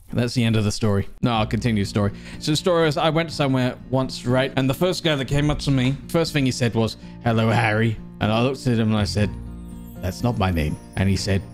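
A man giving playful game commentary, talking to himself and breaking into silly high yelps. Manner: joking, talks to himself, sudden high yelps. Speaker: gaming streamer. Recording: game music behind the voice.

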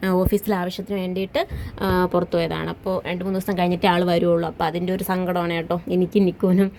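A woman's voice: on the low side, level tone, fast, darkish tone, a little hiss or hum. A woman, chatting casually in a home family vlog as a mother, tagging her sentences with a friendly "kettō". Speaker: vlogger, mother.

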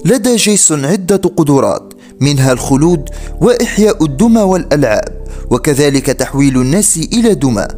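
A man's voice: fairly high pitch, sing-song, brisk, warm tone. A man reading a scripted horror story as its narrator. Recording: faint music behind the voice. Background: music.

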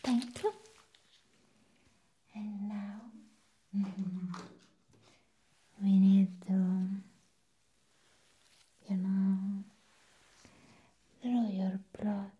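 An ASMR performer whispers a roleplay as a crazy, seductive vampire nurse who is softly menacing and sweetly creepy. Her mid-range, breathy whisper is heavily acted with fairly even intonation, slow and teasing, with drawn-out hums and soft chuckles. She's on a close microphone, her face near the camera.

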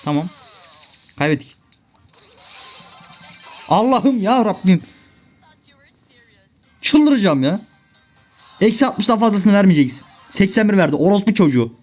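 Young gamer guy talking fast and cursing at his teammates, slightly high voice, game music faint behind. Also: sing-song, darkish tone. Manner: frustrated, swearing, ranting at teammates. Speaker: gaming video creator. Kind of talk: live gameplay commentary.

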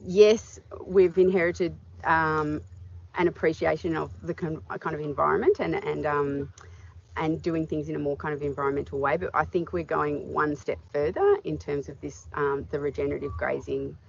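A woman's voice: sits low, fairly even intonation, normal speed. Middle-aged woman farmer in a paddock. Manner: thoughtful, many fillers. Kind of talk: outdoor interview. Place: open farm paddock outdoors. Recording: dull audio with clear background noise.

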